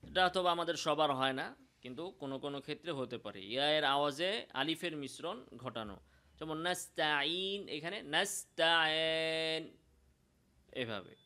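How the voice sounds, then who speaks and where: A man with a Bangladeshi Bengali accent teaching Quran pronunciation, explaining slowly and demonstrating sounds in drawn-out chanted examples. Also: fairly high pitch, animated, sharp tone. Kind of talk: recitation lesson.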